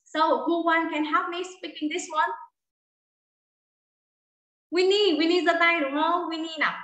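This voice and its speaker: A woman's voice: extremely high pitch, steady tone, measured pace, fairly bright tone, roomy sound, rough recording. A woman teaching a children's class over a video call, encouraging and praising her pupils. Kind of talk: online class teaching, mixing English and Vietnamese.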